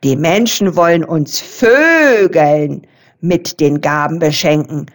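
A gruff male raven from a storybook croaks and grumbles his way through each sentence, as a woman puts him on. His voice sits low and carries a lively, rising-and-falling lilt. He sounds a little distant, as if calling from a branch. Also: takes it slowly. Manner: croaks "kra" between sentences. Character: croaking, grumpy know-it-all male raven.

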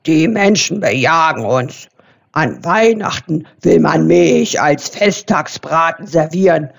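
A woman voicing a gruff, grunting wild boar in a storybook reading. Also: low-pitched, lively intonation, takes it slowly, pitched below the performer's own voice, heavily acted. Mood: grumbling.

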